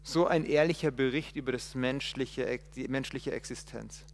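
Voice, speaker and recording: A man preaching a sermon, shifting between loud emphatic quotations and quiet, reflective passages, with hesitations as he looks up verses. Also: mid-range voice, steady tone, normal speed, big-room sound, slight background noise. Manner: restarts and hesitates while looking up verses.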